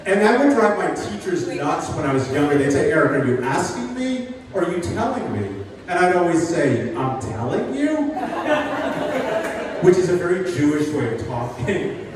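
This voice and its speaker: An older man from New Jersey performs stand-up before a live audience, his slightly high, sing-songy voice swinging widely so statements sound like questions, at a moderate pace. The hall recording is echoey and distant, with audience laughter and background noise.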